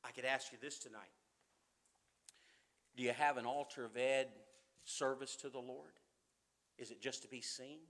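A man preaching a sermon in a church, fervent, swinging from loud emphasis to quiet asides. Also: mid-range voice, steady tone, moderate pace, pauses often.

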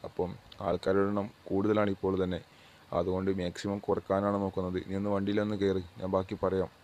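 A man voicing a brisk company boss who lays off a worker, in an amateur dub of a game short film. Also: sits low, little pitch movement, darkish tone, lightly acted. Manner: brisk and matter-of-fact. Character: male company boss, blunt and businesslike.

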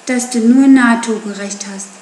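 A woman's voice: on the high side, moderate pace, darkish tone, echoey room, slight background noise, close to an everyday voice. A woman voicing an anxious village mother who pleads with her son. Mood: pleading. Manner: pleading, worried.

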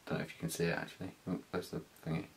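A man's voice: sits low, level tone, very fast, gravelly, slight background noise. A British man in his thirties giving a casual, slangy, slightly hesitant hands-on gear walkthrough indoors. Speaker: motovlogger. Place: small living room, indoors.

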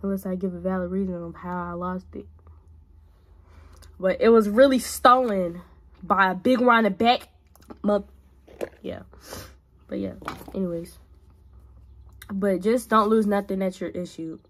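In a small bedroom, a woman in her twenties puts on makeup and talks casually to her phone camera, offering blunt, big-sister-style advice as a vlogger. Her medium-pitched voice is steady and unhurried, with frequent pauses. She records on the phone held at arm's length.

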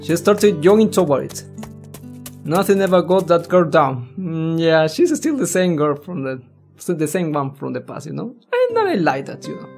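A lively let's-play host reads game text aloud and adds casual commentary, giggling and cutting in with his own reactions. The voice is mid-range with vocal fry and a moderate pace. Game music with plucked guitar plays in the background.

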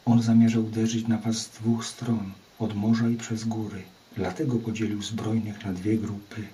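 A man voicing a frightened captive island warrior who pleads for his life, low and dark-toned. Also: little pitch movement, normal speed, a little hiss or hum, close to an everyday voice. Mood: fearful pleading. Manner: pleading, fearful.

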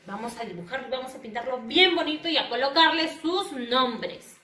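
A woman teaching English to young children in an online lesson, speaking slowly and having the class repeat each word after her. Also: high-pitched, expressive, bright, forceful tone. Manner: slow, repeating words for children to say back. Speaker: primary school English teacher. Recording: roomy, slightly distant, faint noise.

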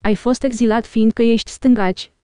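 An earnest young male Jedi apprentice, read aloud by a woman, plain and direct in how he speaks. Smooth and mellow, recorded close and dry. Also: fairly high pitch, steady tone, no echo, natural voice. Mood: incredulous.

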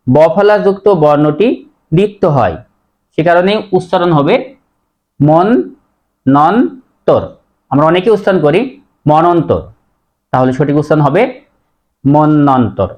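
A man teaching a pronunciation lesson, explaining rules step by step and repeating each word slowly. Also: a little high, a little mellow.

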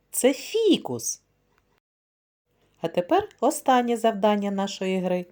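A woman's voice: mid-range voice, darkish tone. A woman kindergarten teacher leading a phonics word game for young children, speaking in a sing-song, encouraging way.

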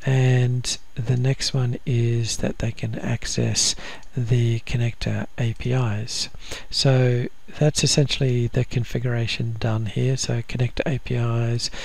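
Male tutorial narrator, gravelly and flat-toned, methodical step-by-step delivery with plenty of ums. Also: mid-range voice, measured pace. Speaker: software instructor. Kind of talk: screen-recorded software tutorial.

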